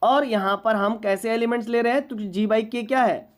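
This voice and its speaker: A woman's voice: a little high, fairly even intonation, normal speed. A woman teaching a university maths class, lecturing patiently and often asking whether students follow. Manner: patient, checks understanding often.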